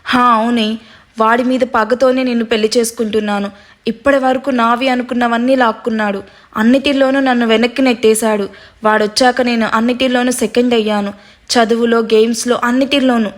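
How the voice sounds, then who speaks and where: Vengeful young groom who threatens and bullies his bride, read by a woman storyteller, higher pitched, kept level. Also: fairly even intonation, a little fast, close to an everyday voice. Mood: threatening. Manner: threatening, domineering. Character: scheming menacing young man, vengeful groom.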